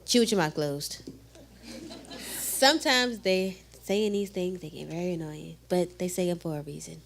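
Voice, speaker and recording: A woman's voice: on the low side, moderate pace, vocal fry. A woman giving an emphatic, knowing monologue on stage.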